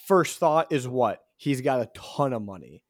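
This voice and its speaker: A young man co-hosting a casual podcast, talking fast and excitedly and saying dude a lot. His voice sits in an ordinary middle range. The sound is close and dry. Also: mid-range voice, dry recording. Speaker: podcast co-host. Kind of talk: casual chat.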